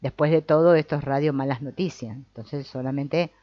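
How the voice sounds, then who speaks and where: A woman teaching an online course in a low, conversational voice. She tags many phrases with a questioning "no?" and stops to hunt for words. The sound is close and dry on a dull, slightly muffled recording. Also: steady tone, dry recording. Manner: pauses to search for words and corrects herself. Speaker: course instructor. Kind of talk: explaining therapy exercises in an online course.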